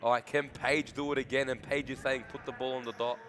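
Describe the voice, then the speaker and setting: A man's voice: medium pitch, fairly even intonation, quick pace, fairly bright tone. A man co-commentating a live match from the commentary box, eager and urging the players on.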